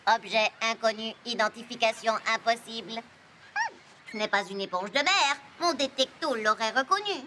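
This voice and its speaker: A woman's voice: on the high side, moderate pace, noisy background, close to an everyday voice. A woman playing a precise, literal-minded cartoon detector gadget that speaks in clipped, procedural announcements. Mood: matter-of-fact. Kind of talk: animated children's show acting. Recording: music behind the voice.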